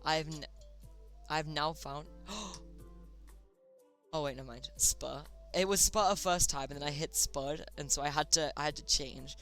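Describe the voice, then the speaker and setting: Bright-voiced chatty streamer. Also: medium pitch, unhurried, faint music behind. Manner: chatty, trips over words. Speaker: streamer hosting a chat game. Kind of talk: casual live-stream commentary.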